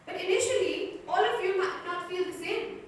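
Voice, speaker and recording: Very high-voiced girl, precise echoing declamation. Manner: precise, deliberate, rhetorical phrasing with pauses. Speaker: school declamation contestant. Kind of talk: rehearsed competitive speech. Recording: very echoey hall, distant mic, faint noise.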